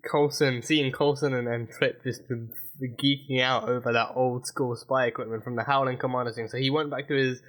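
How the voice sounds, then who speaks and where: Man, TV reaction reviewer, bright clear tone, rambling chatty delivery, lots of restarts. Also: medium pitch, steady tone, moderate pace. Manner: rambling, many restarts and fillers, laughs often. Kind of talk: casual reaction review monologue.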